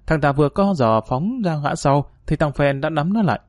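A man narrating an audiobook in an even storytelling manner. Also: a little high, brisk, dry recording, studio quality. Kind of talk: scripted narration.

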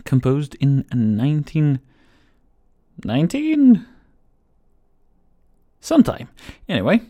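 This Portuguese-speaking man hosts a laid-back radio show, his high-leaning voice swinging hugely in pitch as he talks slowly with no echo. He rambles and hesitates, repeating words, while loud viola and piano music plays beneath him.

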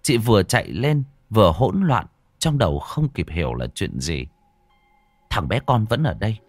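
Man narrating a ghost story, lively pitch. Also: no room sound. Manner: dramatic, slowing down for suspense.

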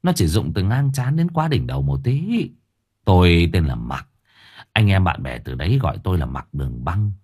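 A man voicing a middle-aged bald resort owner who speaks deferentially and slowly. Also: deep voice, sing-song, darkish tone, husky, full character voice. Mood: polite. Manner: deferential, slow polite speech.

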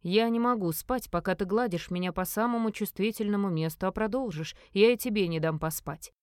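A cocky young man teases in a smug, unhurried way, read by a woman in her own voice. The pitch stays in the middle range and the sound is dry and close. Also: darkish tone, no echo, lightly acted. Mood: teasing. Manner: smug, teasing. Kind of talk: audiobook character voicing.

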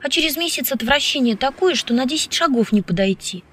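A woman's voice: high-pitched, animated, fairly quick, a bit bright, slight background noise, pitched above the performer's own voice. A woman reading an audiobook, voicing a bold, flirtatious, outspoken woman who teases freely. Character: brash, lively flirtatious woman scientist.

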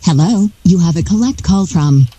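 A woman's voice: on the low side, lively intonation, moderate pace, mellow, breathy edge. A woman's recorded collect-call announcement playing over a phone line, polite and formal. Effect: recorded collect-call prompt played over a phone line. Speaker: automated collect-call operator. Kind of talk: scripted automated announcement.

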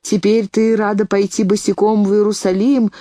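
A woman's voice: medium pitch, flat delivery, normal speed, warm tone, dry recording, clean studio sound, close to an everyday voice. A woman voicing a remorseful old spinster aunt. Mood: grave, consoling. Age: older. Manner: anguished, self-reproaching, then grave and soothing.

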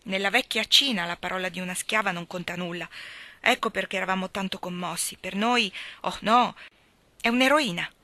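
A woman reading a novel aloud as an audiobook, voicing the dialogue with lively expression. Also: mid-range voice, a little fast, no room sound. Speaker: reader.

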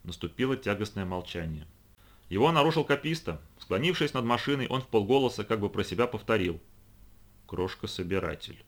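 A man reading a novel aloud in an expressive, lively way. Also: on the low side, brisk. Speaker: audiobook reader. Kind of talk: scripted narration.

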